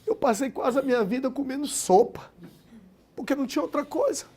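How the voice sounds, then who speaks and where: A man, a pastor, giving an emotional testimony sermon, speaking to his listeners as brothers and swinging from quiet storytelling to loud proclamations. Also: very high voice, expressive, a little fast, breathy edge. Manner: impassioned, addresses listeners as brothers.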